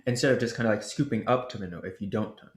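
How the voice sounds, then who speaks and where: A man presenting an ocarina workshop, explaining technique in a relaxed way and sounding out the syllables as he goes. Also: lowish voice, rapid-fire. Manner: casual, explains with demonstration syllables and fillers. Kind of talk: instructional explanation. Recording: roomy echo.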